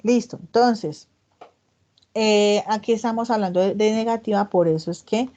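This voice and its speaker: A woman's voice: mid-range voice, steady tone, mellow. A woman teaching English grammar in an online class, explaining step by step and often checking in with her students. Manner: reads English example sentences slowly and with emphasis. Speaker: English tutor.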